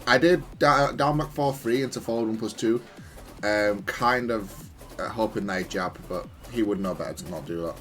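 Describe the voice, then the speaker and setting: A gamer analyses his own fighting game replays, offering off-the-cuff commentary in a hesitant, stop-start manner. His lowish voice is a bit bright and moves at a moderate pace, with soft background music.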